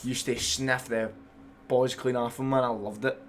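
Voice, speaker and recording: Male livestreamer, broad west of Scotland accent, sweary matey banter, mid-pitched voice, noisy background. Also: level tone, moderate pace. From Coatbridge, Scotland. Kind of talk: casual livestream chat.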